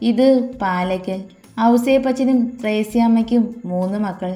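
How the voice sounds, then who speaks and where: A woman voicing a stern old grandmother who rules the family, speaking firmly and a little lower than her narration, in an echoey room. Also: moderate pace, dark tone, natural voice. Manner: firm, commanding. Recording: echoey room, faint music.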